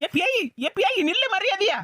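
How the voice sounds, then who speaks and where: A woman voicing a tall gruff woman with a Tirunelveli accent, mocking and menacing, in a cartoon. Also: very high-pitched, expressive, normal speed, very noisy. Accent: Tirunelveli Tamil.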